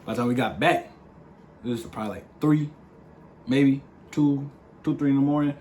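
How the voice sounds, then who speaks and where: A young man casually telling the story of how he met his partner, in a playful, slangy, animated way. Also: medium pitch, normal speed, slight background noise. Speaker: vlog co-host.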